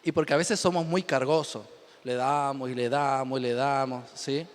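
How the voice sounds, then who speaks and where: A pastor from Chile preaching a humorous sermon from the pulpit, joking, laughing often and repeating himself for emphasis. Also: male voice, mid-range voice, fairly even intonation, normal speed. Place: church pulpit. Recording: reverberant church hall.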